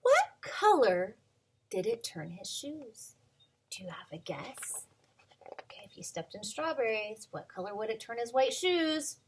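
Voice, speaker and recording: Her voice fairly high, a little slow, and breathy at the edges, a woman who teaches preschool reads a picture book to little kids at home. She's playful and expressive, posing questions and occasionally dropping to a whisper.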